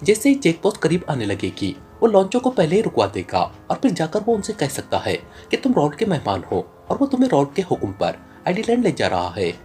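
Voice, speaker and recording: Reading as a ruthless crime boss turned informant, the audiobook narrator explains things earnestly and at length, a little fast and with hardly any pauses. His mid-range voice is warm with huge pitch swings, accompanied by soft background music.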